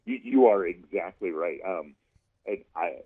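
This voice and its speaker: A man talking casually about politics on the radio, haltingly, repeating himself as he thinks aloud. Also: low voice, expressive, breathy edge. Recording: dull, muffled radio sound.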